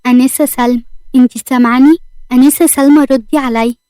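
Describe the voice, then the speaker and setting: A woman with an Egyptian accent, voicing a calm, reassuring young man in a narrated audio story. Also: high voice, fast, no room sound, natural voice. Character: young man, remorseful and gentle.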